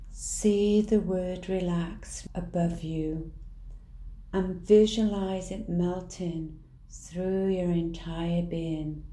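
A woman leading a guided healing meditation in a soft, soothing manner. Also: fairly low pitch. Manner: soft, slow, soothing delivery. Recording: roomy echo.

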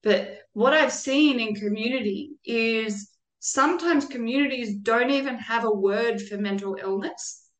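A woman's voice: on the high side, a little slow, reverberant, rough recording. A woman guest speaking earnestly and reflectively about care and community in a conversational interview. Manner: earnest and reflective, with occasional laughs.

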